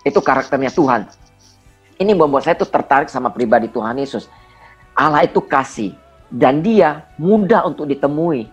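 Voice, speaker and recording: Man, around forty, pastor, earnest testimony, slight stammer, middle pitch, faint music behind. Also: expressive, normal speed, breathy edge. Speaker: pastor, guest. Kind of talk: personal testimony in a conversation.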